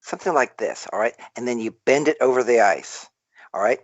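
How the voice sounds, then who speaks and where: A man's voice: medium pitch, animated, a little fast, no echo, dull audio. A man with a Southern American accent, a tipsy guest rambling boisterously in a casual live-stream chat. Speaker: guest toy artist.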